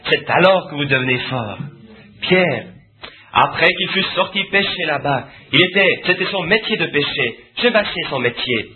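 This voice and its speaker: A man preaching a sermon with impassioned, rising and falling emphasis. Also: sits high. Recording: tinny phone-like old sermon recording.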